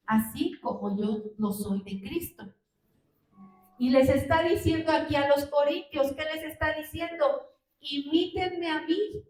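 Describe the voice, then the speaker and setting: A woman preaching a sermon in a church, often asking the congregation rhetorical questions. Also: sits high. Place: church hall. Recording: roomy hall, distant mic.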